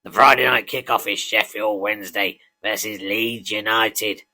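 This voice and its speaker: A synthetic male voice playing a talking dog that reads out football predictions in a flat, even way. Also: medium pitch, normal speed. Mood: matter-of-fact. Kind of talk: scripted predictions.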